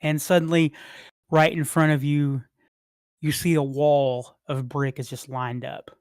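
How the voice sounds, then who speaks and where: A game master narrating a tabletop game in a halting, rambling way with many restarts. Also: medium pitch, little pitch movement, darkish tone, no echo, clean studio sound.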